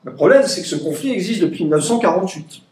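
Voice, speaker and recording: A high, animated male voice moves at a quick pace as an Egyptian man gives a political speech to a public meeting. Sarcastic and emphatic, he makes fun of opponents by imitating them in mock voices, and the room has a noticeable echo.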